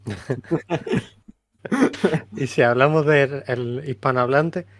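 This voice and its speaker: A man with a Melillan Spanish accent talks in an easygoing way as a podcast co-host and chuckles often. His mid-pitched voice is recorded dry, with no room sound around it. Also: slow, no room sound. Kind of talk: casual chat.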